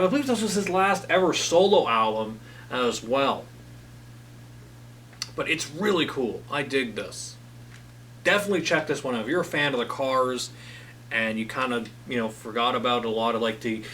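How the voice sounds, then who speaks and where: A man's voice: medium pitch, a bit bright, distant mic, a little hiss or hum. A man hosting a casual talk about old albums, enthusiastic and rambling with lots of fillers. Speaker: host.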